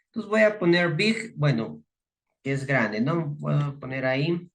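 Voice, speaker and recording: Male teacher, unhurried, patiently spelling out rules. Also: on the high side, expressive, a little hiss or hum. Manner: slow, methodical, repeats rules step by step. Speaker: English teacher. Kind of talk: slow classroom explanation.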